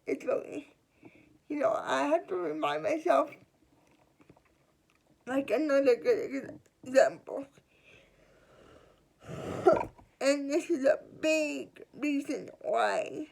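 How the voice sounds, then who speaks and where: A young woman of twenty confides a personal story to her viewers, her voice high and edged with gravelly fry. She talks slowly and haltingly, restarting words and trailing off into pauses as she works through what she means to say. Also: darkish tone, poor audio. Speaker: vlogger. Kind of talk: personal confessional storytime vlog.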